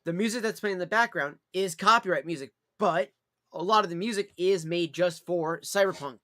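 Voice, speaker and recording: Talking at normal speed in a sharp tone, a man with a noticeably high voice chats casually on his livestream without any script. He rambles and repeats, using blunt, profane, casual language, recorded close and dry with little room echo.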